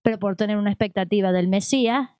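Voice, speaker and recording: A middle-aged woman talks through religious ideas in a loose, rambling way, checking in with her listener as she goes. Her voice sits at an ordinary pitch for a woman. The recording is dry and close, with no room around her. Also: fast talker, smooth, no echo. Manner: animated, rambling, frequent "o sea" and "¿ok?". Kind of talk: casual religious conversation.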